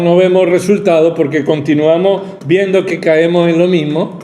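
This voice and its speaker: A man's voice: on the high side, mellow, reverberant. A male pastor from preaching a sermon, pressing his points with rhetorical questions and repetition. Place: church hall.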